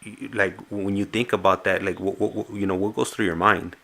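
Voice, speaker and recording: Guy with a low voice chatting on his live, kinda halting, repeats words a lot. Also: fairly even intonation, fairly bright tone. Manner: hesitant, stammering with repeated words. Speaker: live stream host. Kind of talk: casual chat.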